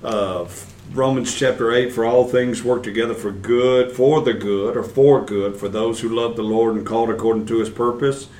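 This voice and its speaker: A man hosts a relaxed church talk show, chatting in a loose, conversational way that circles back on itself. His voice sounds roomy and set back from the microphone, with a medium pitch. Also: moderate pace, recorded from a distance, a little hiss or hum. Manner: conversational, with frequent restarts and fillers. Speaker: host. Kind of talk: casual church podcast chat.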